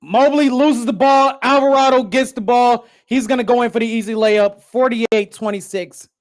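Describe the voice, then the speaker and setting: A fan host calling a basketball game live, with profane, exasperated rants that burst into shouting and dry sarcastic asides. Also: mid-range voice, steady tone, moderate pace. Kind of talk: live game reaction and play-by-play commentary. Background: faint background music.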